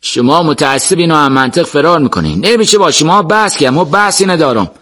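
A man's voice: a little high, expressive, fairly bright tone, pitched above the performer's own voice. A man voicing a defiant, agitated young male prisoner in an audiobook, raised and insistent.

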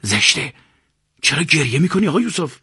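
A man's voice: mid-range voice, sing-song, fairly bright tone, no room sound, clean studio sound, voice pushed up. A man doing a wounded, modest young fighter. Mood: humble.

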